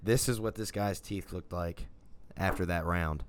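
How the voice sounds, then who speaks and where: A man co-hosting a casual podcast chat, swearing freely and telling lively stories. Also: sits low, measured pace, slight background noise. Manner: profane, animated storyteller. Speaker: podcast co-host.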